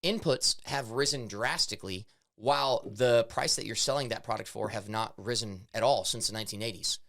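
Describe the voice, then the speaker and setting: A man's voice: fairly low pitch, a little fast, vocal fry, fairly bright tone. A young man from Missouri, co-hosting a casual podcast and laying out his views on farming at length. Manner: opinionated, explains at length. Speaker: podcast co-host. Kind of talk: casual chat.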